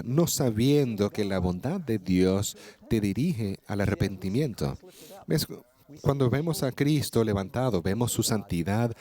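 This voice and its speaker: A man interpreting a sermon live into Spanish, telling a story and preaching, with halting restarts as he keeps pace. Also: lowish voice, mellow.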